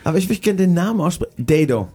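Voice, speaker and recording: A man's voice: fairly high pitch, animated, a little fast, dark tone. A man hosting a casual studio chat, rambling and searching for his words. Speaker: host.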